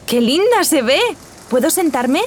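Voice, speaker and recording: A woman voices an adult customer in a scripted learner dialogue. She sounds bright and eager as she tries out a chair. Her voice sits high, with a faint hum of noise behind it. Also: expressive, measured pace. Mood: delighted.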